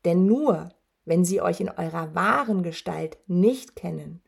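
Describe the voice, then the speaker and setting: A woman's heavily acted performance, fairly low-pitched and measured, brings to life a massive dying male werewolf. Taunting and gloating with menace, he speaks in a rattling rasp while wheezing with labored breath.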